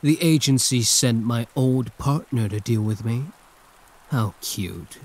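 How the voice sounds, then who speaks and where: In a natural, mid-range, slightly mellow voice, a man performs an intimate, theatrical ASMR roleplay monologue as a hero turned villain. He's condescending yet protective, with a mocking, smug mood.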